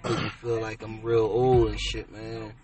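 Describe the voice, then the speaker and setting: A man talking as a guest in a casual late-night chat, slow, blunt and profane. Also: on the low side, little pitch movement, distant mic, crowd noise. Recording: off-mic with clear music behind.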